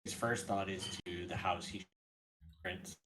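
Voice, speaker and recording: A deep-voiced man talks quietly and hesitantly as a tabletop player, pausing often. His voice keeps cutting in and out over the voice chat, dropping away mid-phrase. A faint hiss sits under it. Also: steady tone. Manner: quiet and hesitant, with pauses and fillers. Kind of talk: playing a tabletop game online. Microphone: desktop microphone.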